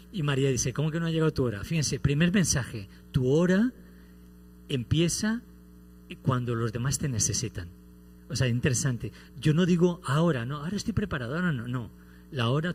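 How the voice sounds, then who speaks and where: A man's voice: a little high, slight background noise. A man, a priest preaching a homily, telling stories with playful humor. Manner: animated storytelling with playful humor.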